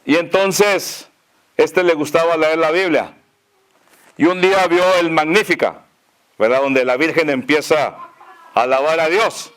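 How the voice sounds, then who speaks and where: A pastor with a northern Mexican accent telling a story in a sermon, folksy and chuckling, with many fillers. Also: male voice, fairly high pitch, a little slow, long pauses, a bit bright.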